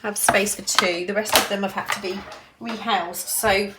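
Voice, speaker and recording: A woman's voice: medium pitch, fairly even intonation, moderate pace, heavy background noise. A middle-aged woman with a Suffolk accent, giving a casual craft demonstration and half murmuring to herself as she works. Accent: Suffolk English. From Suffolk, England. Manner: informal, murmuring to self while working. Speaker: craft tutorial host. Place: indoor craft desk.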